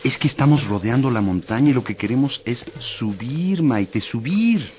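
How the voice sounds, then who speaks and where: A man playing an earnest, excitable hiker lost in the woods in a children's audio drama. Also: medium pitch, moderate pace, a little hiss or hum, natural voice. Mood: puzzled.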